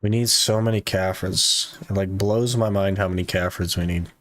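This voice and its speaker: During a live gaming stream, a man talks to his chat in a laid-back way, saying "like" a lot. The low-pitched voice comes at normal speed in a dry recording.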